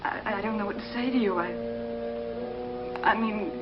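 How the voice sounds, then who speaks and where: An actress playing a lonely, desperate woman on the phone to the lover who left her, tearful, halting and stammering in 1950s television drama style. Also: mid-range voice, lightly acted. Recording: muffled old TV broadcast with music.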